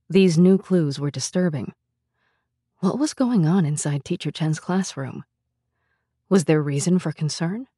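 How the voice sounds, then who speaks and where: A woman narrating her memoir as a mother, in a calm, reflective storytelling manner. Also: lowish voice, no room sound, clean studio sound.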